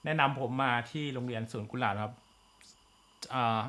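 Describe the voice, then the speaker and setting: A man's voice: mid-range voice, moderate pace, pushed and bright, slight background noise. A man with a Thai accent teaching an online physics class, full of fillers and polite particles. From Thailand. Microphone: computer mic in video class.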